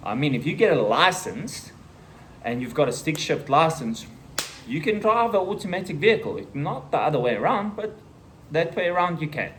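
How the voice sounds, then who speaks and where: A South African man in his thirties telling a personal story in a casual vlog, acting out the voices and the shouting. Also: on the high side, sing-song, normal speed, slight background noise. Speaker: vlogger.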